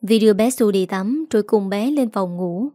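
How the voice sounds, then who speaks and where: Mellow woman narrating a story. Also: medium pitch, moderate pace, no room sound, studio quality. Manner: even, steady storytelling. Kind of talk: scripted audiobook narration.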